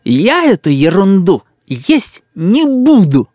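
A shrill spoiled little boy. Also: wildly swooping pitch, a little mellow, no echo, clean studio sound, full character voice. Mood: indignant. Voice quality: shrill, drawn-out whining. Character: spoiled bossy little boy, indignant and demanding.

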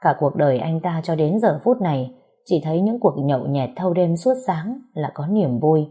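A woman narrating an audiobook story in a steady, expressive reading voice. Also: sits low, normal speed, slightly rough.

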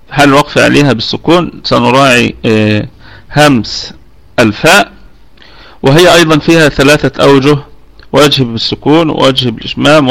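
A man with an Egyptian Arabic accent teaching an online tajweed lesson. He explains each rule step by step, repeats himself, and pauses on fillers. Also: mid-range voice, creaky, a bit bright. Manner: hesitant fillers while explaining. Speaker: Quran recitation teacher.

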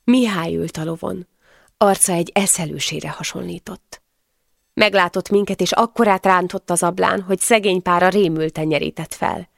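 A woman's voice: fairly low pitch, gravelly, dry recording, studio quality. A woman narrating a first-person novel as an audiobook, with emotional storytelling.

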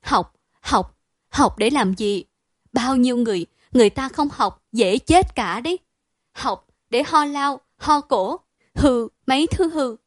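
A woman playing a loud, wailing mother. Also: high-pitched, expressive, a little slow, no echo, clean studio sound. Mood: wailing, scolding. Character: distraught doting mother, shrill and scolding.

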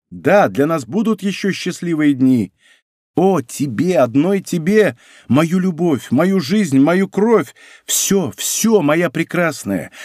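A man's voice: medium pitch, darkish tone, no room sound, clean studio sound. A man voicing a young male musketeer, dreamy and pious but guarded, in an audiobook reading.

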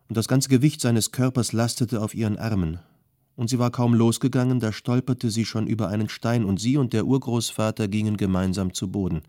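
A man narrating an audiobook in a calm, measured storytelling manner. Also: fairly low pitch, no echo, clean studio sound. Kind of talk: scripted narration.

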